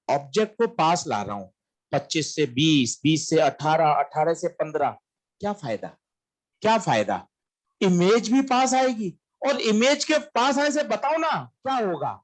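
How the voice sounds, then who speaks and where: A man's voice: on the high side, expressive, unhurried. A man teaching a physics lesson in a classroom-lecture style, quizzing students and answering his own questions in a coaxing, emphatic way.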